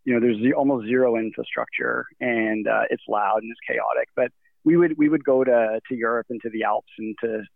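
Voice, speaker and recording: A Nigerian guest on a remote call chats casually and rambles with plenty of fillers and restarts. His mid-range voice is steady, brisk and fry-tinged, with no room sound over a tinny, phone-like line.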